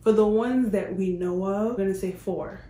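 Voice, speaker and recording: A young adult woman from Queens, New York, chats casually with viewers, answering their questions vlog-style. Her mid-range voice is mellow and moves at a normal speed, with soft music playing behind her. The room has a roomy echo and faint background noise.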